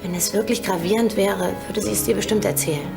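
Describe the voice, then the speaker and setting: An actress playing a caring, insistent confidante in a TV drama, speaking earnestly and practically. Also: female voice, mid-range voice, steady tone, quick pace, close to an everyday voice. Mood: reassuring. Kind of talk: TV drama acting. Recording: clear music bed under dialogue.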